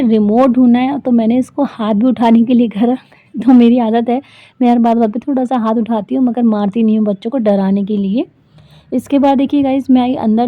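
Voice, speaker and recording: A woman's voice: a little high, no room sound. A woman in her thirties, a vlogger and homemaker, talking in a chatty, rambling way full of fillers as casual vlog voice-over. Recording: dry, thin phone-like sound.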